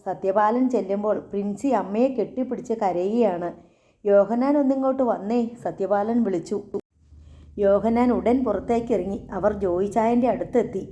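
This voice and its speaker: Reading a novel aloud as an audiobook narrator, a woman keeps a calm, even storytelling manner. Her voice sits in the mid range and moves at a normal speed.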